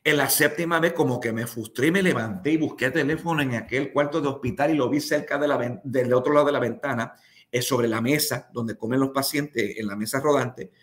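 A man's voice: mid-range voice, fairly quick, fairly bright tone. A man, a pastor, telling a personal testimony with emotional, dramatic retelling and quoted voices. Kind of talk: testimony storytelling.

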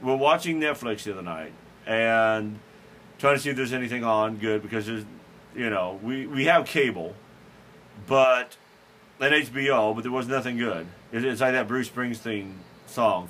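In a laid-back podcast conversation, this male host meanders through a self-mocking anecdote, laughing and starting his sentences over with plenty of fillers. His voice is mid-range and a touch bright, delivered at a moderate pace, with a faint hiss or hum in the recording.

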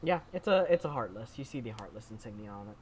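A woman running a tabletop role-playing game as game master, playful and quick to laugh. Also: a bass voice, animated, slight background noise.

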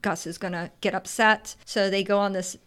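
A woman podcast host chatting casually, retelling a film's scenes in an animated way and laughing often. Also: mid-range voice, moderate pace, clean tone. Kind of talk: casual film podcast chat.

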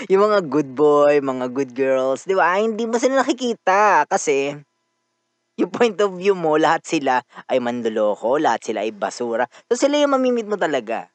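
A man with a Filipino accent giving a casual motivational talk, animated and often asking the listener to agree. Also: fairly high pitch, normal speed, no room sound.

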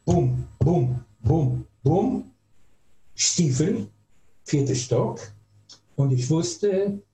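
An older man giving a testimony talk to an audience, telling his story slowly and deliberately with heavy pauses. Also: a little high, mellow, reverberant, poor audio. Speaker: eyewitness speaker.

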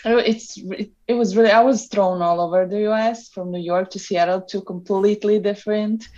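A woman's voice: mid-range voice, steady tone, brisk, dark tone, muffled recording. A woman from Serbia with a Serbian accent, chatting relaxedly as a podcast guest, with many ums and restarts. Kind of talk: casual interview chat.

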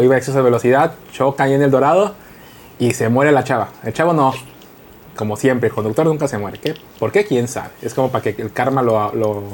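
A man with a Mexican accent, an emotional, animated storyteller in a casual podcast chat. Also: medium pitch, slight background noise. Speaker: podcast co-host.

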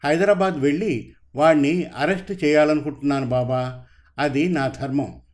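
A man's voice: a little high, moderate pace, close to an everyday voice. A man voicing a dutiful young police officer, earnest and determined in a spoken story. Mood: resolute.

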